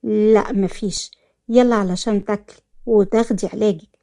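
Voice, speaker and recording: A woman's voice: medium pitch, fairly even intonation, normal speed, creaky, dark tone, natural voice. A woman with an Egyptian accent voicing a stern young businessman who gives curt orders. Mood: bossy. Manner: commanding, curt. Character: stern young businessman, bossy guardian cousin.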